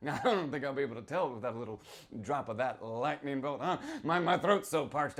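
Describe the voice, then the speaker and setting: Pushing his medium-pitched voice downward, a man reads horror fiction aloud in first person as a boozy, cagey old small-town storyteller, sounding indignant and wheedling. His delivery is dramatic, theatrical, and conspiratorial, with repeated phrases and prods like "huh" and "hmm" aimed at the listener.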